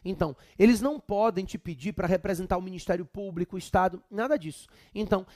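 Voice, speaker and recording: A man's voice: high voice, quick pace, a little mellow, no room sound, studio quality. A man with a Brazilian accent giving a chatty law exam prep lecture with humorous asides. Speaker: law teacher.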